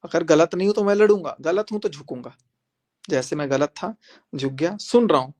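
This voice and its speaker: Man, young adult, live-stream monologue, defiant, confrontational, slightly high-pitched. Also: a little fast, a little mellow. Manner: defiant, confrontational, repeats phrases for emphasis. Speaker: social media creator on a live stream.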